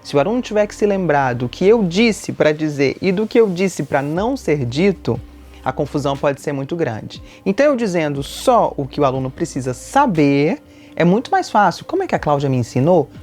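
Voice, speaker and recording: A woman with a Brazilian Portuguese accent, teaching French in a clear lesson style and repeating model words slowly. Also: deep voice, sing-song, darkish tone, faint music behind. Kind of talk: language lesson.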